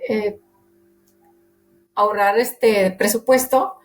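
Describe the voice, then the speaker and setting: A woman's voice: medium pitch, fairly even intonation, slow, soft background music. A woman from Monterrey with a northern Mexican accent, giving an earnest personal faith testimony in a church radio interview, full of fillers and restarts. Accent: northern Mexican Spanish.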